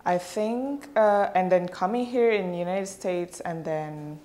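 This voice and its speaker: Slow, halting woman from Indonesia. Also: on the low side, warm tone. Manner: halting, many fillers. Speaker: workshop participant. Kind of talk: interview answer.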